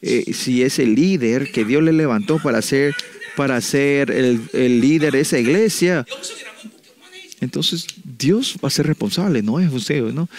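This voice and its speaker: A pastor preaching to his church in a voice of ordinary middle pitch for a man. He speaks in halting bursts, breaking off and restarting his sentences, and he tags nearly every thought with a questioning "no?" to check in with his listeners. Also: a little hiss or hum. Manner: ends phrases with a questioning "no?" tag, halting restarts. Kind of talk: sermon.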